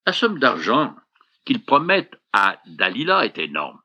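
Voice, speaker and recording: A man reading a Bible passage aloud and stopping to explain it in a measured, explanatory way. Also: mid-range voice, pushed and bright. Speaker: Bible reader and commentator. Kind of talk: reading scripture with commentary.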